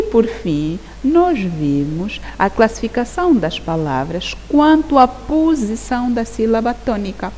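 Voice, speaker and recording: Slow, lively-voiced woman teacher in a reverberant room. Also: mid-range voice. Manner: slow, deliberate, repeats key words and asks "Perceberam?". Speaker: primary school teacher. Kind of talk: classroom grammar lesson. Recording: long reverb with faint hiss.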